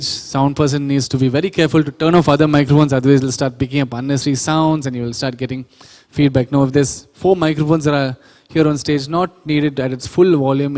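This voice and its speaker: A man leads a hands-on sound engineering class, explaining patiently and pausing to quiz his listeners. His voice is mellow and of middling pitch. It rings with the long reverb of a large hall. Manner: explanatory, self-correcting, asks the audience questions. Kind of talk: classroom workshop lecture. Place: church hall or auditorium.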